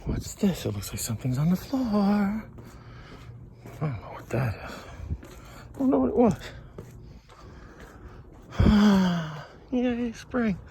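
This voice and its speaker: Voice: medium pitch, big pitch swings, slow pace, creaky, long pauses, warm tone, a little hiss or hum. A vlogger chatting casually while walking around town outdoors, playful and rambling, recorded on a handheld phone. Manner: chatty, playful, rambling, sings little ditties. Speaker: vlogger on a walk.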